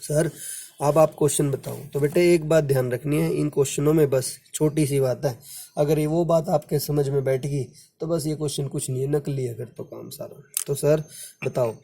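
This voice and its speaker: A man's voice: fairly high pitch, steady tone, normal speed, creaky, mellow, breathy edge. A man teaching a commerce lesson, lecturing in a casual classroom way, counting aloud and addressing students affectionately. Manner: counts months aloud, calls students "बेटा", quotes their questions.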